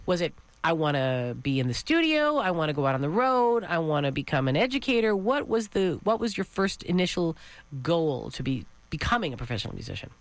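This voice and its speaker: A woman hosting a radio interview show, asking questions in a lively, conversational way into a studio microphone. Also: deep voice, brisk, no room sound.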